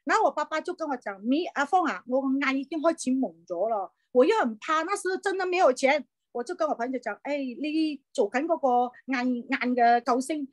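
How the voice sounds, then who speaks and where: High-pitched middle-aged woman, earnest heartfelt testimony, lots of um and uh, dry close sound. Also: expressive, brisk, hardly any pauses, dry recording. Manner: earnest and heartfelt, with frequent hesitant fillers. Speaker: business leader sharing her story. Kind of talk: personal testimony talk.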